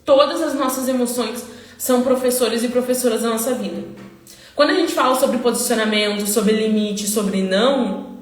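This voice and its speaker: A woman hosting a casual motivational live talk, animated and answering questions she imagines from her audience. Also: on the high side, normal speed, reverberant. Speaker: live-stream host.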